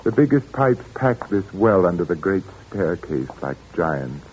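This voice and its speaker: An actor playing a murderous male organist in an old radio drama, speaking in a soft, coldly courteous way. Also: deep voice, sing-song, a little slow. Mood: sinister, silky. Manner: soft, silky and sinister, then panicked pleading. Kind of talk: 1940s radio acting. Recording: dull old radio recording with faint hiss.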